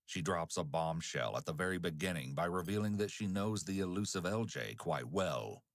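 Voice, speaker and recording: Deep-voiced man narrating true crime. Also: expressive, no room sound, clean studio sound. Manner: measured, dramatic delivery. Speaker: documentary narrator.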